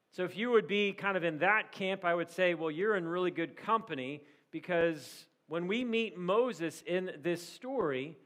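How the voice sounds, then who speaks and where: An earnest man in his forties delivers a sermon. His voice sits high for a man, and he drives home points by repeating key phrases with rising emphasis. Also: fairly bright tone. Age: 40s. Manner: earnest, rises to emphatic repetition. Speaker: pastor.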